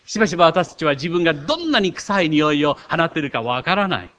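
A man preaching a sermon as pastor, animated, with self-mocking asides. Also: a little high, quick pace. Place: church.

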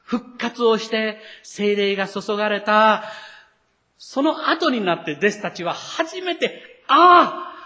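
Bright-voiced male pastor preaching. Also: high voice, animated, takes it slowly. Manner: acts out the quoted lines; speaks to the congregation directly. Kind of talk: sermon.

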